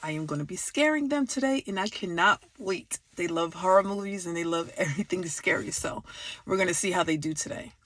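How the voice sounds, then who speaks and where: A middle-aged woman hosting a family vlog, chatting casually and excitably. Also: lowish voice, fairly quick. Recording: loud music behind the voice. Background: music.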